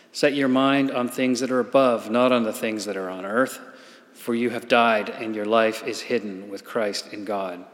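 Male lay reader, solemn and measured scripture delivery, mid pitch, long cathedral-style reverb. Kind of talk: formal church scripture reading. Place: large church.

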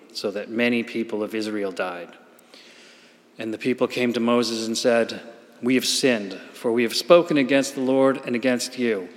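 A man reading scripture formally in measured, solemn phrases, his voice echoing as in a cathedral. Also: mid-range voice. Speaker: scripture reader. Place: large church. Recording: cathedral-like echo, long church reverb.

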